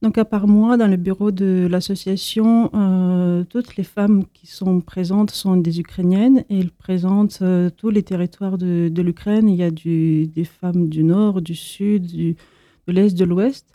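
Hesitant woman from Moldova, very dark voice. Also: fairly low pitch, fairly even intonation, a little slow, no echo, clean studio sound. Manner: hesitant, many fillers and restarts. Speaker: association founder. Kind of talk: interview answers.

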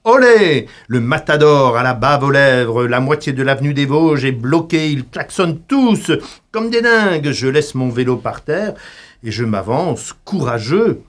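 Theatrical man with a lively, swooping voice. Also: mid-range voice, a little slow. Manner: theatrical, mock bullfight commentary with cries of olé; sly storytelling with asides to listeners. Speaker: radio columnist. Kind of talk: comic monologue.

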